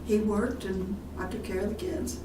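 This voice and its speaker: An older Texas woman living in a retirement community is interviewed about her life for an oral history. She talks unhurriedly in a medium pitch at a moderate pace, with many fillers and restarts, recorded on a roomy, distant mic with background noise.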